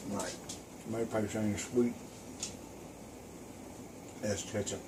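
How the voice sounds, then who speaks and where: A man with a lowish voice and steady tone talks slowly and bluntly about food while eating, sometimes with his mouth full, over heavy background noise. He's the taste tester and the host's husband, casual and folksy with dry humor.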